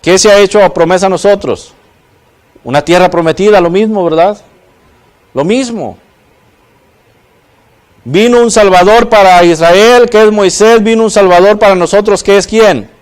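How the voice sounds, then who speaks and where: High-voiced man preaching to a congregation. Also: normal speed, long pauses, clear, resonant tone. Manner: asks the congregation questions, repeats "¿verdad?". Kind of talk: sermon. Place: church.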